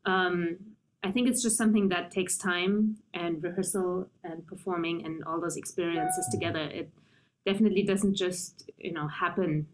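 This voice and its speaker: A woman pianist in her thirties, from Germany, answering interview questions in a thoughtful, measured way. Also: lowish voice, steady tone, noisy background. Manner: thoughtful, measured, with frequent um and you know. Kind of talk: conversational interview.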